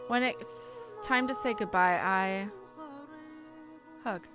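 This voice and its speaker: A woman with a mid-range voice speaks slowly as she live-streams a game, game music audible behind her. She shifts between reading story text with expression and chatting casually, often interrupting herself to react.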